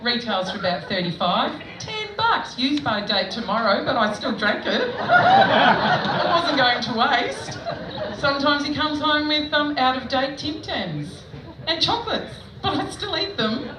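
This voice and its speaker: On an outdoor festival stage, a middle-aged Australian comedian chats through self-deprecating stories, laughing often. She speaks in a high, sing-song voice at a slightly slow pace, captured on an echoey, distant mic with background noise.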